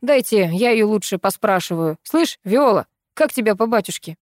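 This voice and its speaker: In an audiobook reading, a woman voices a lazy, whiny male hired Santa who grumbles in slang. She pitches above her own voice but stays close to an everyday sound, with medium pitch, lively intonation, and a moderate pace. The studio-quality recording has no echo.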